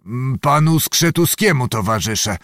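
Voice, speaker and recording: A man's voice: medium pitch, lively intonation, a little slow, a bit bright, no room sound, studio quality. A man voicing a grave young lieutenant who speaks sternly and with restraint in a storybook reading. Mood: grim restraint. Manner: stern, controlled, solemn.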